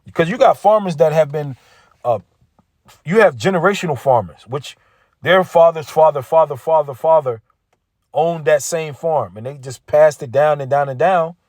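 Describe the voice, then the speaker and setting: A man's voice: fairly high pitch, moderate pace, a little mellow, no echo, studio quality. A man giving blunt, profane preaching commentary, emphatic and peppering his points with "right?". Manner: emphatic, repeats "right?" as a check-in.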